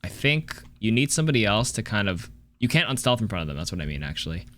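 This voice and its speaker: Low-voiced man coaching gamers, casual and blunt. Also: big pitch swings, quick pace, fairly bright tone. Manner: blunt, analytical, sweary. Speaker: gaming coach reviewing gameplay. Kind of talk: casual live game review commentary.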